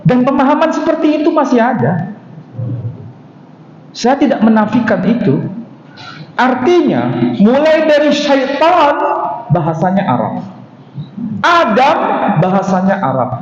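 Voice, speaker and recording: Guy giving a mosque lecture, high lively voice, asks questions then answers em, big echoey hall. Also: slight background noise. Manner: rhetorical questions, answers them himself. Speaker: religious teacher. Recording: dull echoey hall recording.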